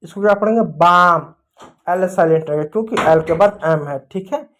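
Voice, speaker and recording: A man's voice: sits high, slight background noise. A man teaching children with drilled repetition. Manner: asks questions and answers them himself, repeating words slowly and loudly; addresses children affectionately. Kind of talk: classroom-style phonics lesson.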